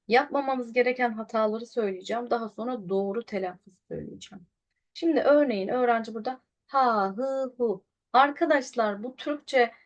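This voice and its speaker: Woman teacher demonstrating throat sounds. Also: fairly high pitch. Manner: demonstrates sounds, contrasting right and wrong ones; addresses viewers directly, patient explaining. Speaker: Quran recitation teacher. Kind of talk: online pronunciation lesson.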